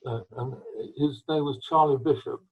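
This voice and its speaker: An older man from England, a retired trombonist, telling long rambling stories from his career with restarts and throat-clearing, speaking from home over a video call. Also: medium pitch, steady tone, normal speed. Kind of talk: storytelling interview. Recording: tinny video call line.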